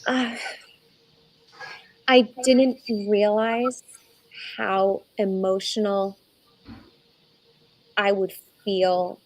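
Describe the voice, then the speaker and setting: A young adult woman, a guest in an interview, telling her own story earnestly and slowing down when she is moved. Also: medium pitch, little pitch movement, darkish tone, no room sound, poor audio. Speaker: egg donor guest. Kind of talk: conversational interview.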